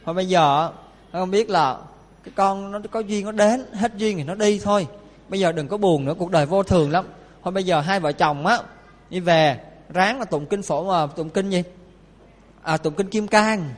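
A man voicing a calm older temple abbot who consoles a grieving couple. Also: sits high, normal speed, in a large hall. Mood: consoling. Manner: soothing, consoling.

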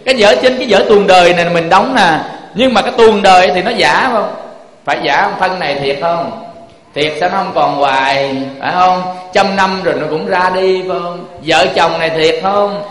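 A man's voice: high-pitched, moderate pace, a bit bright. A man with a Southern Vietnamese accent, preaching a Buddhist sermon and keeping the listeners engaged with rhetorical questions. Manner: keeps asking the audience rhetorical questions. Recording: echoey hall with long reverb.

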